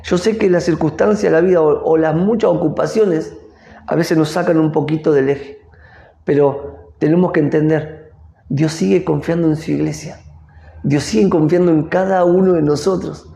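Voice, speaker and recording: A man's voice: a little high, fairly even intonation, moderate pace, creaky, dark tone. A middle-aged man with an Argentine Rioplatense accent giving an earnest devotional sermon as pastor, repeating phrases for emphasis. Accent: Argentine Rioplatense Spanish. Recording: echoey room.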